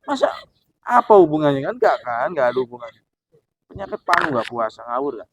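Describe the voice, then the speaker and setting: A man preaching who tells a story in an animated way, acting out the dialogue as he goes. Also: mid-range voice, quick pace, a crowd in the background. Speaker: Islamic preacher. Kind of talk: sermon storytelling. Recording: dull, dry recording.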